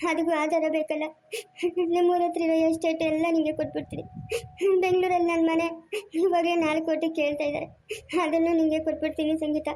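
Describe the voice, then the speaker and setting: A remorseful mother begs tearfully for her child back, played by a woman in an amateur family skit. Her voice sits very high and runs fast, thick with pleading. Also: warm tone.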